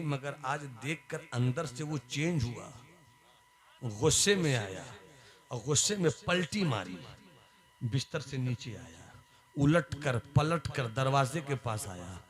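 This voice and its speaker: A man telling a devotional story in a sermon, dramatic and swinging from hushed tones to shouting. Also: medium pitch.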